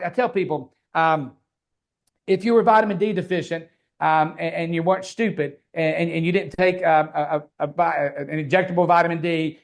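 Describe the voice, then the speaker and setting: Guest man, high voice, stammers constantly, chatty and animated. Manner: stammering restarts, calls listener brother. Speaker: podcast host. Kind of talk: casual podcast chat.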